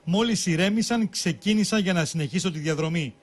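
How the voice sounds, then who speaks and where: A man with a rather high voice reading a statement aloud. His delivery is steady and plain. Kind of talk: read-out statement.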